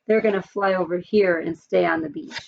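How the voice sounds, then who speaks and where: Gravelly teacher woman reading aloud. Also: fairly low pitch, fairly even intonation, brisk, slight background noise. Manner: friendly, explaining, some fillers. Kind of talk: picture-book read-aloud. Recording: dull lo-fi recording.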